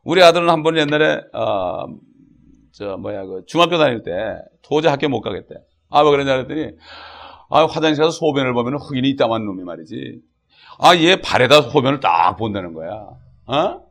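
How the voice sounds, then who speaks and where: Fast-talking middle-aged male pastor preaching. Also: mid-range voice, animated, gravelly, fairly bright tone. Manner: fast, conversational preaching with frequent "어?" asides; acts out quoted voices and prayers. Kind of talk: sermon.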